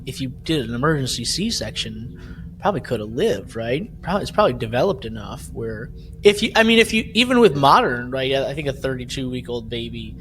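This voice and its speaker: The audio is poor, with clear background noise, as a man with an animated, fairly quick, slightly bright mid-range voice hosts a podcast. He gives a rambling, casual recap of an audio drama, regularly checking in with "right?"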